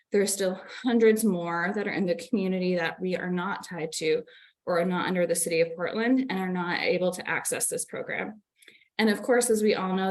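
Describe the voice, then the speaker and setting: A woman giving a presentation in an online meeting, a little out of breath, explaining in an earnest way. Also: lowish voice.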